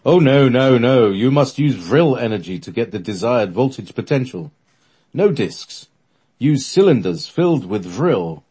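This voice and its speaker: An unworldly spirit voice bellows out stern questions and orders, put on by a man. The tone is dark and husky, and the words come in slow, lively swings. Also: medium pitch, voice pushed up.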